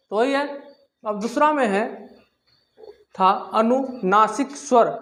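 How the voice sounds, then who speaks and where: Male teacher with a very high voice, repetitive step-by-step explainer, asks and answers his own questions. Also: fairly bright tone. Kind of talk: classroom-style lesson explaining grammar.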